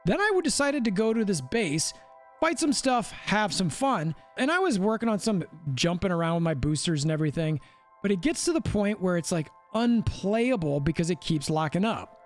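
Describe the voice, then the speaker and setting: A man hosting a gaming channel, giving animated gameplay commentary and repeating himself for emphasis. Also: sits high, moderate pace, soft background music.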